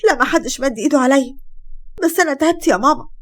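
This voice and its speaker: A woman's voice: sits high, fast, natural voice. A woman voicing a young Egyptian wife, worn down and aggrieved, speaking in a pleading tone. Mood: hurt.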